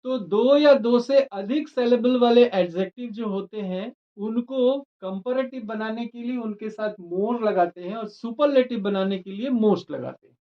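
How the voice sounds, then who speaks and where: A man's voice: sits high, unhurried, hardly any pauses. A man teaching an English grammar lesson, explaining rules step by step and spelling words out letter by letter. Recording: dull lo-fi recording.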